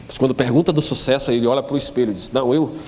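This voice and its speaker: A man preaching a sermon as pastor, shouting out at moments and acting out the words of the people he quotes. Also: mid-range voice, racing, big-room sound, a little hiss or hum.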